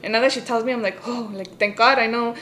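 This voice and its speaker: Spanglish-talking woman, faint rumble. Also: steady tone, a little fast. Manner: switches between English and Spanish mid-sentence; rises high and loud when quoting her parents. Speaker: podcast co-host. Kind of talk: casual personal storytelling.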